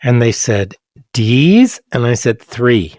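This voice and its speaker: Older man telling a lively classroom story. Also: medium pitch, measured pace, dry recording, studio quality. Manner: animated anecdotal storytelling, acting out classroom exchanges. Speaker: teacher. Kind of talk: casual storytelling chat.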